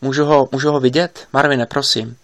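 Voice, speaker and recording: A man's voice: medium pitch, steady tone, a bit bright, no room sound, lightly acted. A man reading an audiobook, voicing an insistent investigator giving urgent instructions over a line.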